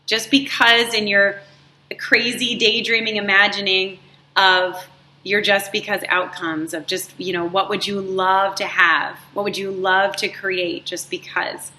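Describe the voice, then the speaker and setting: A woman hosting a motivational talk for her viewers, her voice bright and forward. She speaks encouragingly and lingers on the words she wants to stress. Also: mid-range voice, little pitch movement. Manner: warm, encouraging, drawn-out emphasis on words. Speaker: life coach and show host. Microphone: live stream setup.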